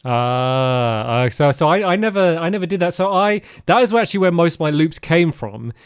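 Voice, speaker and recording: A man co-hosting a podcast, chatting casually about a game in rambling, animated stories full of fillers. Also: on the high side, normal speed, clean tone, no room sound, clean studio sound. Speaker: podcast co-host.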